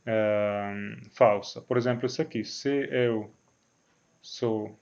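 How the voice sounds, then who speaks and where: A man's voice: fairly low pitch, fairly even intonation, slow pace, darkish tone, dull audio. Italian man giving a hesitant math lecture. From Italy. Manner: hesitant, many fillers and restarts, checks in with "né? certo?". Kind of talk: recorded video lecture.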